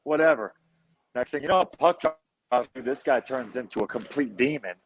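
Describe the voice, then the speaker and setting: A man telling hockey stories in casual chat, animated and slangy, repeating himself as he goes. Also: medium pitch, fairly quick, slightly rough, no room sound, low-quality recording. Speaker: former hockey player guest.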